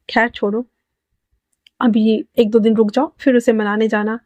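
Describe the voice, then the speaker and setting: A woman voicing a calm older brother who speaks quietly and scolds in a measured, firm way. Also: a little high, no room sound. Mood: stern.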